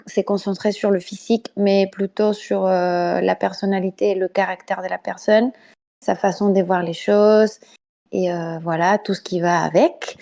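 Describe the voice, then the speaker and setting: Her medium-pitched voice is gravelly and mellow, level in tone and at a normal speed. A Mexican podcast guest with a Spanish accent, she has a casual voice-chat discussion from a home microphone, full of laughter and hesitation.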